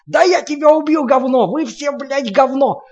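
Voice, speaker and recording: A man voicing a brutal, enraged male war veteran who bellows obscenities until he goes hoarse, in a muffled lo-fi audiobook recording. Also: sits high, big pitch swings, normal speed, darkish tone, voice pushed up. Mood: raging. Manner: screaming obscenities, hoarse from roaring.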